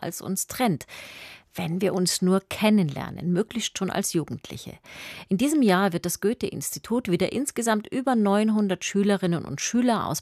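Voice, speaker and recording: A woman presenting a news magazine in a calm, measured read. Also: medium pitch, no room sound, studio quality.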